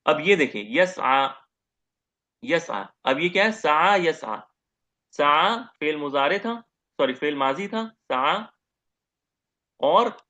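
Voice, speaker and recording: Higher-voiced man teaching a grammar lesson. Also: lively intonation, slow, pauses often, sharp tone. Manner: asks questions and answers them himself, repeats terms, says "okay" often. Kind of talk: grammar lecture.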